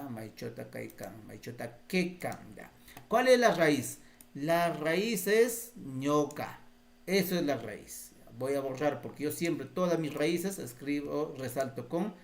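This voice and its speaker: In a live class, a man with a Peruvian Spanish accent and a fairly high voice teaches Quechua grammar to teachers. He explains patiently and quizzes the group.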